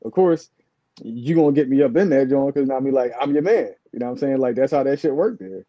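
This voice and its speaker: A man's voice: mid-range voice, expressive, fairly quick, no room sound, muffled recording. A man co-hosting a podcast, chatting about football in a slangy way, always saying "dog" and "yo". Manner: slangy, says "dog" and "yo" constantly. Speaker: podcast co-host. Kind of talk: casual sports chat.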